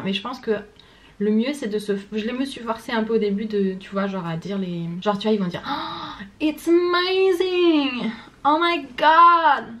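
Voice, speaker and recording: A young French woman with a French accent, chatting casually to camera in a vlog, slangy and quick to laugh. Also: on the high side. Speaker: vlogger.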